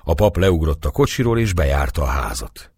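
Deep husky storybook narrator. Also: male voice, dry recording, studio quality. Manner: expressive storytelling reading. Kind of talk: audiobook narration.

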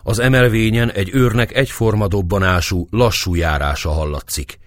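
A man narrating a historical novel as an audiobook, reading in a dramatic, expressive way. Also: fairly low pitch, no echo, studio quality.

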